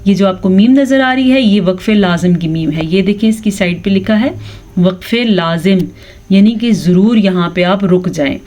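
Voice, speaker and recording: Woman teaching quran tajweed, pakistani urdu accent, calm steady explaining, drags the example words out slow. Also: medium pitch. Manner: patient, explains then drawls out words slowly.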